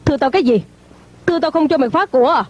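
A woman's voice: high-pitched, expressive, very fast, a little hiss or hum. A woman dubbing a stern older matriarch of a wealthy clan in a TV drama, commanding and scolding. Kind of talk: dubbed TV drama. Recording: dull lo-fi dub with loud music.

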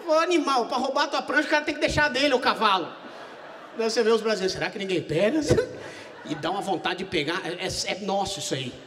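A male stand-up comedian telling a story on stage at a live show, animated and swearing freely as he acts out the people in it. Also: sits high, brisk, in a large hall, a little hiss or hum.

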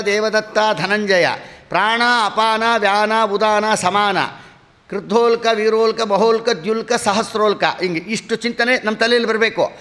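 High bright-voiced man giving a sermon. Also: in a large hall. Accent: Kannada. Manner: chants Sanskrit verses slowly between explanations. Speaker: religious discourse speaker. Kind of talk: devotional sermon with Sanskrit verse recitation.

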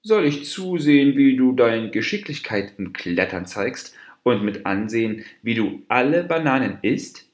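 A man's voice: mid-range voice, sing-song, unhurried, hardly any pauses. A man voicing a scheming male monkey from a fable, wheedling and mock-friendly in a roomy space. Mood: sly. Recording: roomy echo.

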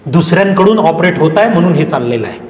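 A man's voice: on the high side, animated, fast, darkish tone. A man, giving a motivational lecture in an emphatic, dramatic way that repeats phrases and acts out dialogue. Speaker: motivational speaker. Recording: echoey hall.

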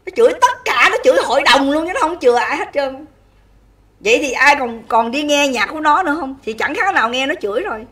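A woman's voice: sits high, animated, fairly quick, fairly bright tone, far from the mic. A woman hosting a livestream, scolding and insulting at length and asking her viewers again and again if she is right. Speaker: livestream host. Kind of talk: angry livestream rant.

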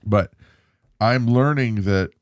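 A man's voice: lowish voice, slow pace, no echo, clean studio sound. A middle-aged man co-hosting a casual live stream from his living room, reading viewer comments in a playful, showy way. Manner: playful, showy announcer delivery. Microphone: desk microphone on arm.

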